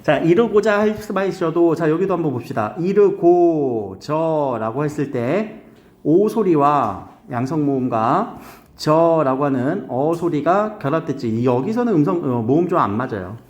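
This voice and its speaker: Man, grammar teacher, casual lecture, quick questions to students, lively intonation, echoey room. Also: fairly high pitch. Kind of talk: recorded lecture to high school students.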